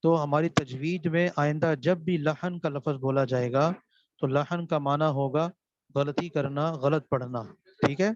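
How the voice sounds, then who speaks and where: In a dull, dry lo-fi recording, a Pakistani man lectures a seminary class on reciting the Quran. He poses questions to his students, then answers them himself while repeating the key terms. His voice sits on the high side.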